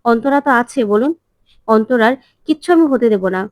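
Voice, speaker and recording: A woman's voice: fairly high pitch, fairly quick, a little mellow, dry recording, natural voice. A woman voicing a firm young heroine who reassures and reproaches, in a TV serial retelling. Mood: earnest.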